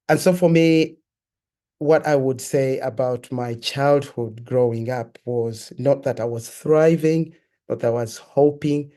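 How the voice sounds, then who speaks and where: A man from Uganda, a guest sharing his life story in an interview, telling it in a reflective, earnest and measured way. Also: mid-range voice, warm tone. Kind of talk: personal testimony in an interview.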